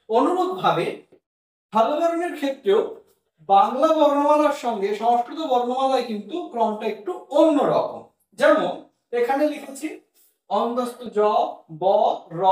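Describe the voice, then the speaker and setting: A man teaching as a language teacher, patiently explaining and repeating each letter slowly. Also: very high-pitched. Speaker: Sanskrit teacher. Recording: very echoey room, mic far off.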